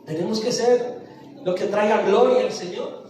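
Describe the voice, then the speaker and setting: A woman's voice: mid-range voice, moderate pace, warm tone, slight background noise. A woman pastor preaching a sermon, asking the congregation questions and answering them herself. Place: church sanctuary. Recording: echoey church from far off, faint music.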